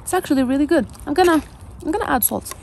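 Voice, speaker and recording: Her voice sits high and moves fast, with lively intonation and a slightly mellow quality over light background noise. A young woman vlogger is casually talking her audience through a campfire meal at an outdoor campsite, one step at a time, her camera placed a little way off.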